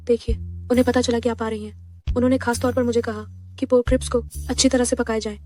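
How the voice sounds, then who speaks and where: Woman dubbing bubbly young flatmate, fairly high, flat intonation, faint music underneath. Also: quick pace, natural voice. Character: cheerful, chatty young woman, a flatmate and pretend girlfriend. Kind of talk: dubbed drama acting. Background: soft background music.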